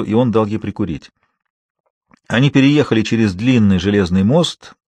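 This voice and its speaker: A man reading a thriller audiobook in a calm, steady, scripted narration. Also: on the low side, no echo.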